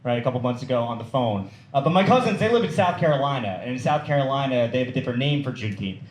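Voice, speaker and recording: Animated young man doing stand-up, roomy club. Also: mid-range voice. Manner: animated, swearing, quick asides to the crowd. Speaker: stand-up comedian. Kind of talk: stand-up comedy set. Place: comedy club stage with audience. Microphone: handheld stage mic. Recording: roomy club with crowd noise.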